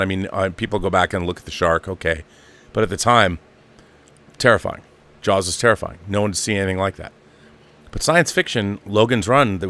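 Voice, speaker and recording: His voice low and a bit bright, a man in his 50s riffs unscripted as host of an online show. The fan monologue is relaxed yet forceful, and he hammers key phrases by saying them again.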